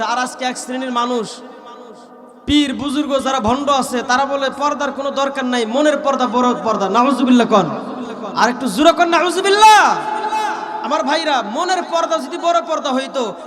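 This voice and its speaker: Very high-voiced shouting Bangladeshi preacher. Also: male voice, roomy sound, big-room sound. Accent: Gaibandha region Bengali. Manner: shouting, calls crowd to repeat, sings verses in slow melody. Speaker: Islamic preacher. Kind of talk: waz sermon with chanted verses.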